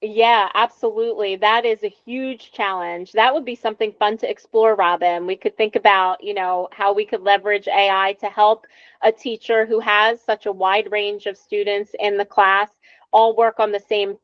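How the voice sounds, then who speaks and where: A woman's voice: mid-range voice, steady tone, normal speed, no room sound. A woman co-hosting an education podcast, asking questions and affirming her guest. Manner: encouraging, affirming. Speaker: podcast co-host. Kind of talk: conversational interview. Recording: dull lo-fi dry sound.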